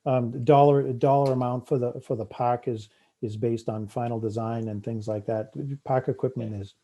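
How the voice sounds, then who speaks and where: A man with a Boston accent speaking at a town committee meeting, halting with many fillers and restarts as he presents a park project. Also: medium pitch, little pitch movement, mellow.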